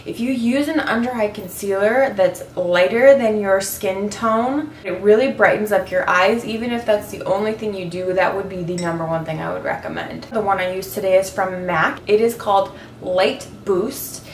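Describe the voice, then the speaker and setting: A young woman with a cold-roughened, raspy voice, chatting playfully as she gives a makeup tutorial. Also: mid-range voice, moderate pace, hardly any pauses, recorded from a distance, a little hiss or hum. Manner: chatty and playful, self-mocking asides. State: hoarse from a cold. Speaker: beauty vlogger. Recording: echoey room, voice a bit off-mic.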